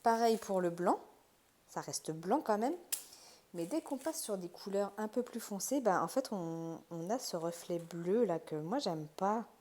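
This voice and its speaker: A woman hosting her own crafts channel, talking casually to viewers. Her voice is mellow and rather dark, at an ordinary middle pitch. She thinks aloud, full of fillers and self-corrections. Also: lively intonation, unhurried. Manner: chatty, thinking aloud, lots of fillers and restarts. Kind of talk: casual unboxing commentary.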